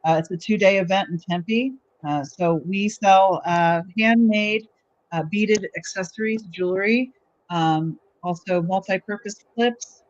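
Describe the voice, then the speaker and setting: A woman guest on a podcast, talking in casual chat in a halting way with lots of filler. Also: mid-range voice. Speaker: podcast guest, artisan seller. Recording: dry, dull lo-fi sound.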